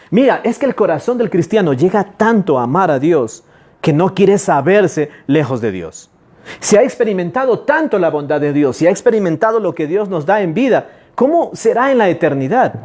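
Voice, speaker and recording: Male pastor, sermon delivery, slightly high and very animated pitch, emphatic, rhetorical. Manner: emphatic, rhetorical questions, urging listeners; stretches key words slowly, then rushes asides.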